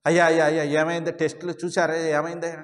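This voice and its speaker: A man's voice: fairly high pitch, level tone, fast talker, close to an everyday voice. An anxious mother begging for her son's life, as a man puts her on in a spoken parable. She speaks in a pleading, begging way. A long hall reverb surrounds the voice.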